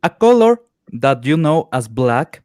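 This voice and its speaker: A man from Ecuador with an Ecuadorian Spanish accent, a native Spanish speaker, telling animated stories in a casual online chat. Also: medium pitch, measured pace, dry recording, clean studio sound. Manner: animated storytelling, acts out quoted voices. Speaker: stream guest.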